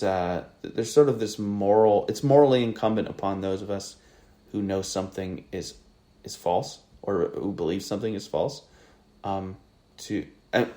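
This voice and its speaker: This northern Ohio podcast host has a lowish, slightly mellow voice and a General American accent. He hosts a casual conversation hesitantly, full of fillers and restarts.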